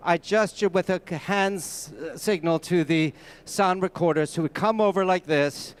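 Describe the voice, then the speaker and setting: A man's voice: high voice, moderate pace, clear, resonant tone. A man giving a conference masterclass, telling anecdotes and speaking straight to the audience. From Canada. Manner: anecdotal, conversational, addresses the audience directly. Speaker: masterclass presenter. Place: conference stage before a live audience.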